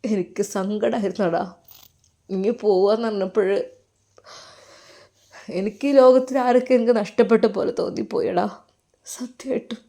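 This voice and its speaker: A woman voicing an affectionate older male religious teacher who speaks with a Malappuram Malayalam accent and gives quiet, fatherly advice. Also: on the high side, lively intonation, moderate pace, long pauses, close to an everyday voice. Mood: tender.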